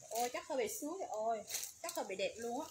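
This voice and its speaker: In a high voice and at a brisk pace, a woman runs a livestream sale, repeating prices and codes as part of her steady sales talk. The sound of crinkling packaging and loud background noise runs under her speech.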